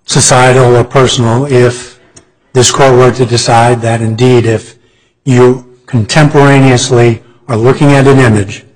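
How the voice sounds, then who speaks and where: A man's voice: medium pitch, slightly rough. A male chief judge asking counsel pointed, skeptical questions. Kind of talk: questioning counsel at oral argument. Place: courtroom. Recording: long reverb of a courtroom.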